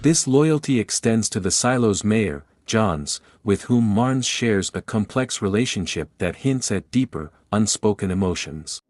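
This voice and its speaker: A man delivers scripted narration as a video host. His voice sits fairly low, and the sound is dry, with little room around it. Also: lively intonation, a little slow, few pauses, a little mellow, no echo.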